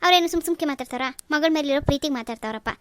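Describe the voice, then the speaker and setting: A voice artist playing a calm older father who consoles his daughter in a cartoon. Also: high-pitched, racing, no echo, close to an everyday voice. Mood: soothing. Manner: soothing, reasoning. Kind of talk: cartoon voice acting.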